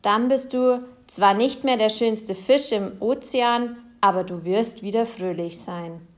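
A woman voicing a wise old octopus in a deep, solemn voice. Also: slow pace, lightly acted.

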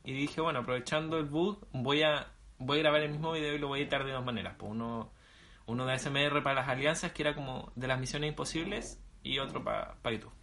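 A man's voice: mid-range voice, fairly even intonation, quick pace, fairly bright tone, a little hiss or hum. A young man with a Chilean accent co-hosting a casual podcast, dropping playful slangy interjections and telling short anecdotes. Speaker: podcast co-host.

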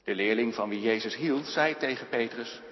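A man reading a Bible passage aloud in a church, slow and solemn, with rising and falling delivery. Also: medium pitch. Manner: measured, solemn reading with lively rises and falls. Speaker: preacher reading scripture. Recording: dull sound in a long-reverb church hall.

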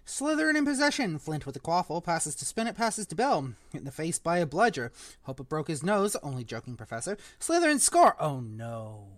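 A cheeky schoolboy calling a match, as a reader puts him on. The pitch bounces up and down with play-by-play energy, then drops to soft, sly asides. The sound is close and dry. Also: very animated, a little fast, dry recording, lightly acted. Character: lively boy sports commentator, cheeky. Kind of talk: audiobook reading.

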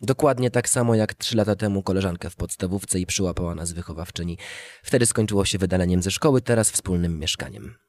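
A man's voice: sits low, quick pace, a little mellow. A man narrating a first-person story in a plain, matter-of-fact way.

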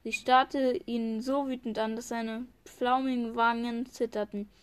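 High-voiced woman reading aloud, stumbling. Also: little pitch movement, unhurried, clean tone, dry recording. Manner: stumbles and restarts often. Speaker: reader.

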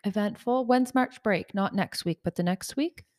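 A woman's voice: mid-range voice, moderate pace, a little mellow. A woman in her late thirties co-hosting a podcast in casual chat, playful and exclamatory. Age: 30s. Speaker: podcast co-host.

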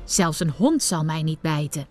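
A woman voicing a timid, lonely young male duckling in a storybook, soft and pleading. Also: deep voice, animated, unhurried, faint music behind, pitched below the performer's own voice. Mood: sad.

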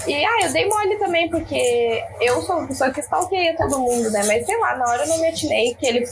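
Chatty high-voiced woman telling stories. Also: animated, quick pace, noisy background. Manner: chatty storyteller, laughs often. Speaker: podcast guest. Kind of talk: casual podcast chat.

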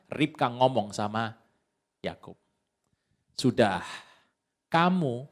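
A male pastor preaching a sermon in a lively, joking way, often speaking straight to the congregation. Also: mid-range voice.

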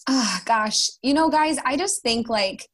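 A woman's voice: fairly high pitch, expressive, measured pace, a bit bright. A woman with a Minnesota accent speaking as a podcast guest, casually and earnestly, addressing listeners directly. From Minnesota, United States. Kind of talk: casual, earnest conversational storytelling and advice.

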